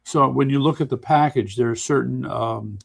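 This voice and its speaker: A man hosting a casual news and chat stream, talking in an unhurried way with dry asides. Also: medium pitch, gravelly, husky. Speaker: podcast host.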